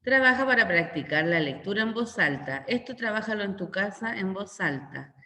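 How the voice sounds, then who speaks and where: A woman's voice: mid-range voice, lively intonation, moderate pace, sharp tone, slight background noise. A Chilean woman teaching a primary school lesson, going through the worksheet and repeating each question in plainer words. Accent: Chilean Spanish. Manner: instructional, repeats questions and explains. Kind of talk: recorded class walkthrough. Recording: echoey room with long reverb.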